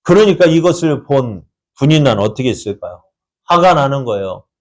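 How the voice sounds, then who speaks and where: A man's voice: medium pitch, very animated, normal speed, darkish tone. Male pastor asking rhetorical questions. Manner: many rhetorical questions to the congregation. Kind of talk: sermon. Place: church.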